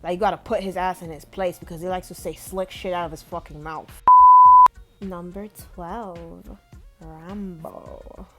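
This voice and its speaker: A woman's voice: lowish voice, fairly even intonation, unhurried, loud music behind the voice. A woman vlogger chatting casually in a playful, profane, gushing way. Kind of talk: casual chat.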